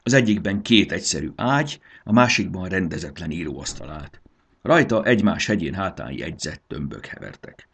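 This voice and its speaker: A man narrating a storybook in an expressive, sing-song telling. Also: low-pitched, breathy edge.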